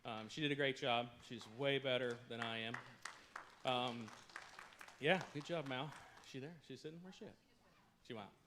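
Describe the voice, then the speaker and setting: A man's voice: medium pitch, moderate pace, pauses often, a crowd in the background, background noise. A man giving a guest sermon from a church stage, chatty and self-deprecating, often breaking into jokes between "uh"s. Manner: jokey, self-deprecating, many fillers. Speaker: guest speaker. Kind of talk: casual joking sermon talk. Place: church stage before a congregation.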